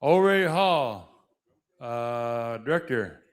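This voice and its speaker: A man working as a powwow emcee, calling people up by name in a halting, list-like way. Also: mid-range voice, expressive. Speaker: powwow emcee announcing names.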